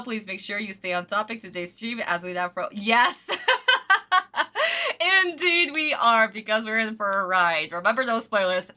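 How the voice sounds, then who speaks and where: Bright, effusive woman streamer. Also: on the high side. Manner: effusive, theatrical, uses endearments. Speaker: streamer reacting to anime. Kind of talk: casual livestream reaction chat.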